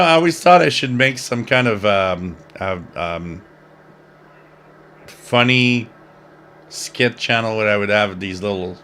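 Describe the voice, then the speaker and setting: This fifties-aged host of a shortwave radio livestream banters loosely and jokily while going through viewer comments. His medium-pitched voice sounds pushed and bright, and the recording is clean.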